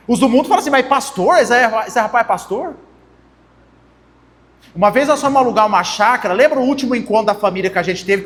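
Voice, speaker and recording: A young man with a Brazilian Portuguese accent preaching a conversational sermon and addressing the congregation as brothers. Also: high voice. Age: young adult. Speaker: pastor. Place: church hall. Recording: long church hall reverb.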